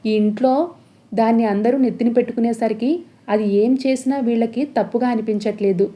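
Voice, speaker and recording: A woman's voice: on the high side, steady tone, fairly quick, dark tone, natural voice. A woman voicing a scheming middle-aged woman villain who sounds sly and defensive, in a serial recap story.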